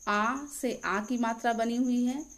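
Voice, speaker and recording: Lady teacher reading a grammar lesson, kinda high voice, really slow and careful with each example. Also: fairly even intonation. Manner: slow, deliberate dictation of examples. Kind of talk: grammar lesson read aloud.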